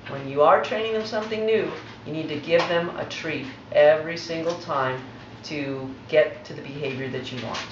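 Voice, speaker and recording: A woman's voice: sits low, moderate pace, noisy background. A woman dog trainer giving a patient, methodical demonstration lesson. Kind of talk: instructional demonstration. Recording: roomy, distant, dull recording.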